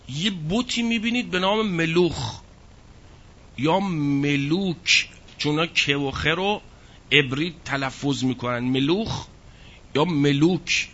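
Guy lecturing on scripture, fairly high bright voice, slow recited verses then quick questions, dull lo-fi sound. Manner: recites verses slowly, explains with rhetorical questions. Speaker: religious lecturer. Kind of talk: Quran exegesis lecture. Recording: dull lo-fi recording.

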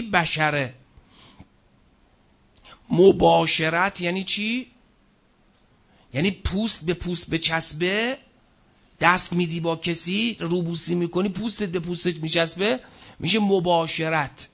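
A man with a high-pitched, gravelly voice gives a scripture lecture, slowing down to recite verses before explaining them. His tone is bright and a little husky, and he often asks the audience a question and then answers it. The recording sounds muffled and lo-fi. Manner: recites Arabic verses slowly, then explains in plain speech. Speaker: preacher. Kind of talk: Quranic exegesis lecture.

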